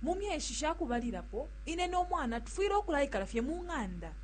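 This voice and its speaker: Radio health spot: hesitant young mother, woman actor, questioning, high voice with swooping intonation. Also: big pitch swings, quick pace. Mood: doubtful, questioning. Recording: humming, slightly noisy recording.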